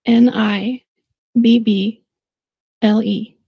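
Guy doing a raspy high lady voice, dry and muffled, mumbly. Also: little pitch movement, dark tone, no room sound, exaggerated voice. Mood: deadpan. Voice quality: croaky, breathy falsetto. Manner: slow, spelling letters, mumbling answers. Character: raspy gravelly woman prank caller. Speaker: prank caller.

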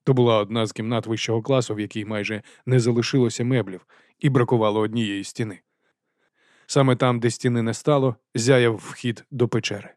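A man narrating an audiobook in a steady, even reading voice. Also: medium pitch, no echo, clean studio sound. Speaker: audiobook reader.

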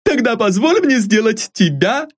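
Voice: mid-range voice, sing-song, moderate pace, husky, pitched above the performer's own voice. A reader voicing a cheerful, loyal, bustling maid in an audiobook. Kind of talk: audiobook reading.

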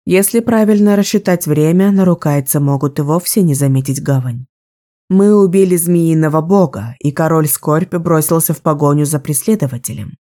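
Decisive sorceress, read by a woman: low, mellow, steady audiobook delivery. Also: normal speed, close to an everyday voice. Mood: resolute. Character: resolute young female sorceress, strategist. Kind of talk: audiobook role reading.

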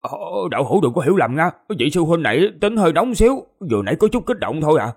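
Man voicing a placating young disciple in a storybook, hurried and nervous. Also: fairly high pitch, big pitch swings, husky, voice pushed up. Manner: hurried, apologetic.

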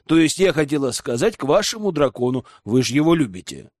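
A man's voice: a little high, very animated, a little fast, darkish tone, no echo, clean studio sound. A man voicing a whiny, indignant young female witch student in an audiobook. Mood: smug. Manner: whiny, pleading.

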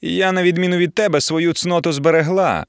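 A man's voice: mid-range voice, very animated, moderate pace, fairly bright tone, dry recording, clean studio sound, voice pushed up. A man voicing a fierce, scolding tiny dwarf woman in an audiobook. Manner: scolding, threatening.

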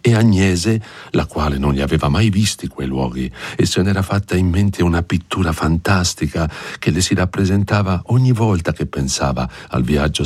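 A man narrating a classic novel aloud in a measured, expressive audiobook reading. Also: deep voice, husky, no room sound. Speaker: audiobook reader.

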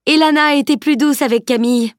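A woman's voice: sits high, fast talker, no echo, studio quality, voice pushed up, close to an everyday voice. A woman reading the part of a cheeky teenage boy who protests and teases, in a raised, strained voice. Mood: whiny protest. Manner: protesting, teasing.

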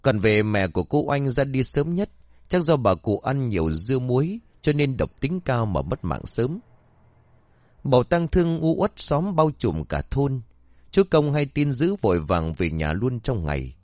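Expressive male storyteller. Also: medium pitch, measured pace, no echo, clean studio sound. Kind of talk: scripted horror story narration.

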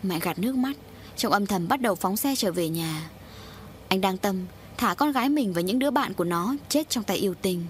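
A woman narrating a horror audiobook in a steady, grave storytelling manner. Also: medium pitch, normal speed, a little hiss or hum.

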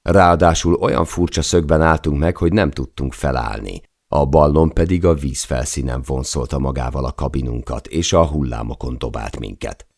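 A man narrates an audiobook in the first person, measured and steady. His voice sits extremely low with a gravelly edge. The reading is calm and deliberate throughout.

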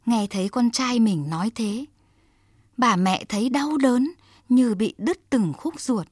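A woman's voice: a little high, animated, measured pace, darkish tone, breathy edge, no room sound, clean studio sound. A woman narrating a folk tale for children, speaking expressively and addressing the little listeners. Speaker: storyteller for children.

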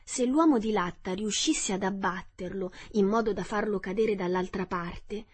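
A woman voicing a clever male scarecrow who reasons calmly, in a storybook reading, with a husky voice. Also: medium pitch, moderate pace, lightly acted. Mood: reasoning.

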